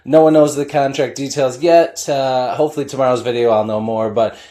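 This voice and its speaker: A man's voice: mid-range voice, fairly even intonation, a little fast, dark tone. A middle-aged man hosting a sports podcast, an eager fan talking in a loose, casual way with plenty of filler uhs.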